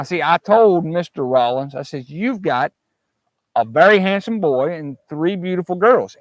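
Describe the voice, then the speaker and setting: Outdoors at his campsite, the livestream host jokes and rambles with viewers, speaking into a clip-on mic fitted with a fuzzy windscreen. His voice sits on the high side, with no room sound and low recording quality.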